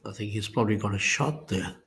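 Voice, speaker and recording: Lowish male golf co-commentator. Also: fast, fairly bright tone. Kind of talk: golf commentary, brief remarks.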